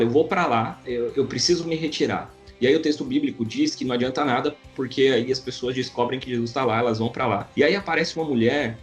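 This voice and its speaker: A Brazilian man co-hosting a church podcast, explaining a Bible passage in a relaxed, conversational way. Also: medium pitch. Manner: conversational, addresses partner as "cara". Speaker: Bible study podcast co-host. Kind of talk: casual Bible teaching chat.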